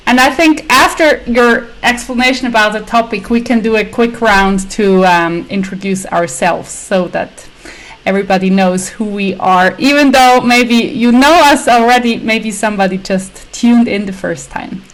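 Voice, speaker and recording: A woman's voice: fairly high pitch, normal speed. Upbeat woman hosting a podcast. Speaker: podcast host. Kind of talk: hosting a casual video roundtable.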